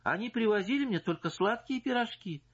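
A man's voice: sits high, animated, fairly quick, breathy edge, muffled recording, voice pushed up, full character voice. A man voicing a defensive, flustered young female chorus singer who protests in a plaintive, evasive way. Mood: protesting.

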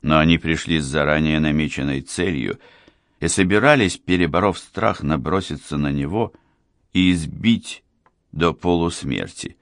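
Very deep-voiced male audiobook narrator. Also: normal speed, a bit bright, dry recording, studio quality.

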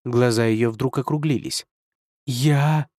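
Guy reading a story aloud, even and steady, no room echo. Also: medium pitch, moderate pace, studio quality. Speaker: narrator. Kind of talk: audiobook narration.

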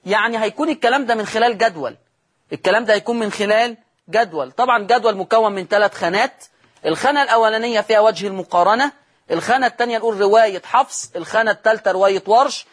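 Fast-talking Egyptian man teaching. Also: high-pitched, fairly bright tone. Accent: Egyptian Arabic. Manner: addresses viewers directly, repeats key points. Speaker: Quran recitation teacher. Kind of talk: TV lesson explaining Quran readings.

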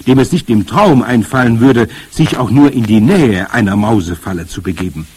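A man reading aloud gives an excited young boy who was turned into a talking mouse a high, eager voice, full of breathless exclamations. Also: moderate pace, slightly rough. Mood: earnest. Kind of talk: audiobook character voice.

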